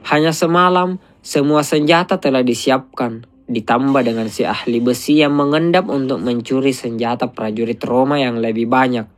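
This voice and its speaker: Man, film recap narrator, scripted voice-over, steady delivery, mid-pitched voice. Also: normal speed.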